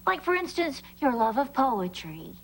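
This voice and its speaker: An actress playing a gentle, encouraging mother in a sitcom. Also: high-pitched, very animated, unhurried, full character voice. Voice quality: soothing, encouraging. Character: gentle, wise mother of a teen. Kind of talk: 1990s sitcom acting.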